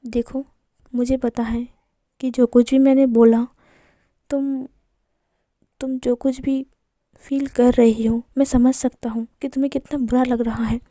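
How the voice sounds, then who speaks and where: A soft-spoken young man from a storybook coaxes and teases with quiet warmth, as a woman acts him out. The voice sits high and mellow. The recording is dry and close. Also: little pitch movement, measured pace, pauses often, dry recording, lightly acted. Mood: teasing. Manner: teasing, coaxing, soft. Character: teasing calm young man, gentle lover.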